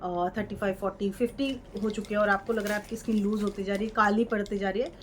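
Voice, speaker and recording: A woman with a medium-pitched, fairly even voice talks fast as she casually demonstrates a home beauty remedy, with light background noise in the recording. She's chatty and keeps checking in with the viewer, repeating "ठीक है" and "ये देखो".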